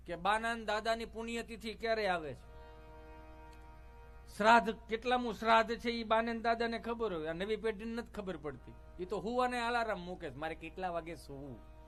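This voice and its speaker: A man's voice: very high voice, a bit bright. A middle-aged male stand-up comedian, telling folksy, teasing jokes to a live audience with preachy asides. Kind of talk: Gujarati stage comedy monologue. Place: stage before a live audience.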